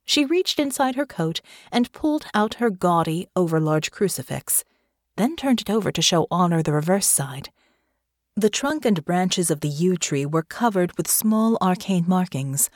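A woman narrating an audiobook in a measured storytelling manner on a close mic. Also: fairly low pitch, darkish tone, dry recording. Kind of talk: scripted narration.

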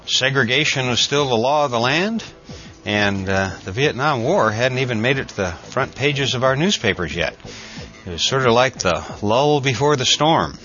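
An older American man giving a conversational, reflective introduction in a measured storytelling way, like a podcast host. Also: medium pitch, expressive, pushed and bright, lo-fi sound, faint music behind. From United States.

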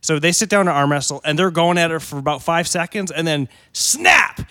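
A man with a bright, fairly high voice, recorded dry and close. He tells stories with lively energy and leans into the big moments. It is relaxed podcast banter among friends. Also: fast talker, clean tone, dry recording. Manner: animated storyteller, acts out the moments. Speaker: podcast co-host. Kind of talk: casual chat, anecdote telling.

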